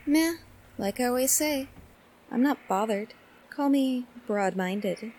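Actress as female gunslinger, high-voiced, breezy, flirtatious, comic Western drama, slight ambient noise. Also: animated, takes it slowly, a little mellow.

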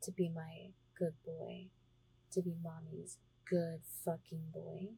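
A woman performing an intimate ASMR roleplay close to the mic, breathy and teasing, slipping between soft talk and whispers. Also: sits low, level tone, takes it slowly, low-quality recording.

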